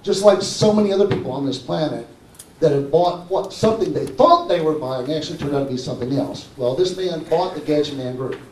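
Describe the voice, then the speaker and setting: A man giving an animated conference talk who keeps checking in with "okay?" and "right?" as he presents his engine modification. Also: a little high, brisk, slight background noise. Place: conference hall. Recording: echoey hall, mic far off.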